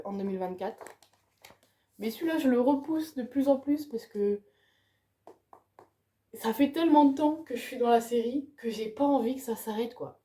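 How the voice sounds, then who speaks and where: A book vlogger chats casually and with enthusiasm about the books in her reading pile, ending phrases with "quoi." Her voice is on the high side, yet dark in tone.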